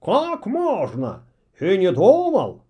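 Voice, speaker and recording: A man's voice: high voice, wildly swooping pitch, husky, dull audio, full character voice. A man voicing a fawning, cowardly male owl servant in a children's fairy-tale audiobook, whining and flustered. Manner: whining, flustered, slow and drawn out.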